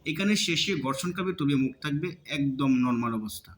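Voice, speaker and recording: Man, patient teacher, slightly high voice, sound drills, echoey room. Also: lively intonation. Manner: demonstrates sounds by drawn-out repetition. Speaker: teacher of Arabic letter pronunciation. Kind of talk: slow instructional lesson.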